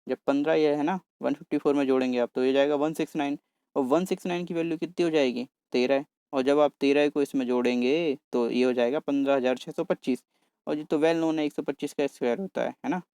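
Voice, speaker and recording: A man teaching exam maths in a brisk, chatty way, talking fast on purpose and coaxing his viewers along. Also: medium pitch, mellow, clean tone, no echo. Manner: brisk, talks fast on purpose to cover the paper. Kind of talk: solving exam paper on screen.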